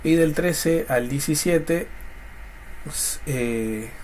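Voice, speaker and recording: A man's voice: on the high side, extremely slow, a little mellow. A man with a Rioplatense accent and a congested, snotty nose, teaching informally in a colloquial, jokey way. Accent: Rioplatense Spanish. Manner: colloquial, jokey, voices students' questions and answers them. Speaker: chemistry teacher. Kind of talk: informal recorded lesson. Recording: clear background noise. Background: noise.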